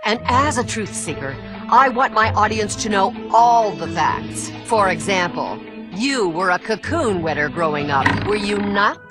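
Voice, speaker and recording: A woman's voice: mid-range voice, lively intonation, measured pace, natural voice. A woman voicing a showy female bee talk show host who probes and teases her guest in a video game cutscene. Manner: probing, teasing interviewer. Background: music.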